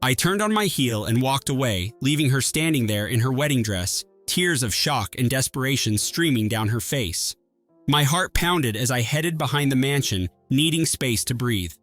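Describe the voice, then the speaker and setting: A man reads a first-person story in a steady, measured manner. His delivery is even and composed throughout. Faint music plays softly behind his voice. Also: medium pitch, dry recording. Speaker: story narrator.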